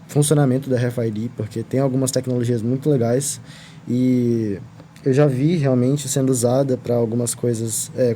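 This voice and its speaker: A man's voice: medium pitch, dark tone, a little hiss or hum. A young man speaking as a podcast guest in a studio, hesitant and unsure of himself.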